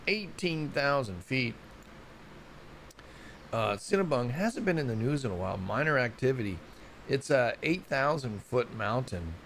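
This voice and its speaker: A man's voice: mid-range voice, vocal fry, slight background noise. A man hosting a casual solo news report on volcanoes, rambling and chatty, often stumbling over place names. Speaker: show host.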